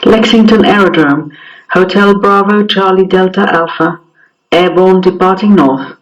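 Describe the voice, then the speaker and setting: Brief: male pilot on a cockpit headset radio, high voice, clipped calls, heard from a distance. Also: fairly even intonation, measured pace, lo-fi sound. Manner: clipped, formulaic radio phrasing. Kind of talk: demonstrating aviation radio calls.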